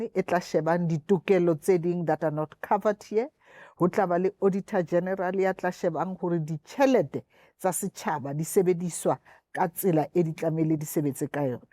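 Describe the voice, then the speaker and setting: Female interview guest, Sotho accent from South Africa, explaining in a mellow, fairly low voice, dry recording. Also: no room sound. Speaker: interview guest, equality commission chairperson. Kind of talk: explanatory interview talk, switching between languages.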